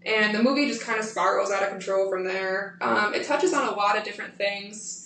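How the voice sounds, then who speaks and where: A woman co-hosting a casual podcast, steadily explaining and recounting with the odd filler. Her voice sits at a middle pitch. She is off the mic in an echoing room with a faint hiss behind her. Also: a little fast, a bit bright. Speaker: podcast co-host. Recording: echoey room, distant from the mic, faint noise.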